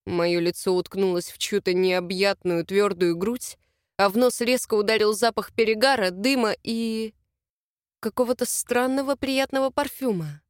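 A woman's voice: medium pitch, fairly even intonation, moderate pace, clean tone, no echo, clean studio sound. A woman reading a first-person novel aloud as an audiobook narrator.

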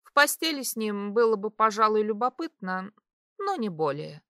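A woman narrating a first-person audiobook in a wry, lively way. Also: mid-range voice, moderate pace, no echo, clean studio sound.

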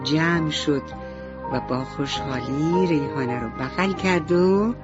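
A woman narrating a radio bedtime story, speaking directly and warmly to the children listening. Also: low-pitched. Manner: warm, addresses children directly. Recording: slightly dull radio recording, soft music behind.

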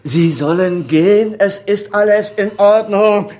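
An actor in a German radio crime drama plays a proud, evasive surgeon who is father to a grown son. His voice sits high with a darkish tone, and he speaks a little slowly, in an authoritative, articulate way. The mood is strained and curt.

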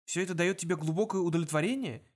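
A man voicing a quick-witted alien hitchhiker in an audiobook reading, his delivery urgent and sharp. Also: sits high. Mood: persuasive.

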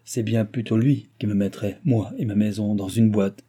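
A man's voice: lowish voice, fairly even intonation, normal speed, warm tone, slightly rough. A man voicing an earnest, insistent elderly baron, pleading emphatically, read as an audiobook figure.

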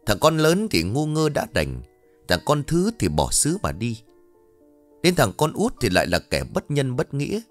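A man's voice: medium pitch, wildly swooping pitch, normal speed, soft background music. A man narrating a ghost story in a dramatic storytelling manner.

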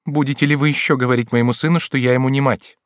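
A man's voice: medium pitch, fairly even intonation, fast, dry recording, studio quality, voice pushed up, close to an everyday voice. A man voicing a distraught young countess in an audiobook, with a raised, strained pleading voice. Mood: entranced. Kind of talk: audiobook character reading.

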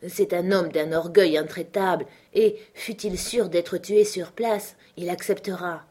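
A woman's voice: lowish voice, fairly even intonation, a little slow, a little mellow, breathy edge. A woman reading aloud, voicing a proud young daughter who speaks firmly and earnestly.

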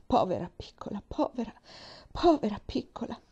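A woman voicing a stern, gruff older gentleman who speaks curtly and impatiently, his voice breaking with emotion, in a storybook reading. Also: on the low side, animated, moderate pace, dull audio.

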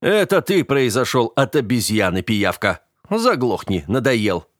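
A man voicing a gruff, grumbling male fight trainer in an audiobook, speaking slowly and loudly with a mocking edge. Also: mid-range voice, very animated, no room sound, clean studio sound. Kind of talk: audiobook character voice.

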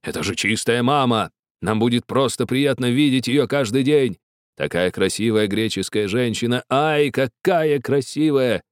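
A man's voice: mid-range voice, measured pace, smooth, no echo, studio quality, close to an everyday voice. A man doing clamoring Greek neighbors. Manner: shouting, scolding. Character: crowd of excited Greek neighbors.

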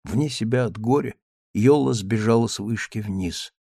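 Gravelly male audiobook narrator. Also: fairly low pitch, normal speed, no echo, clean studio sound. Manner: steady storytelling reading.

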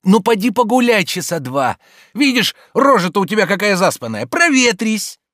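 A man voicing an agitated, nervous gentleman who pleads with and shouts orders at his servants. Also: high voice, moderate pace, no echo, studio quality, voice pushed up. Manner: excited, insistent, shouting orders.

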